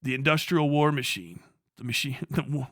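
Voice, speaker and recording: A livestream host rants casually and reads the chat with profane sarcasm, frequently acting out mock exchanges. His voice is medium-pitched, fairly bright and moderately paced. The sound is studio quality with no echo.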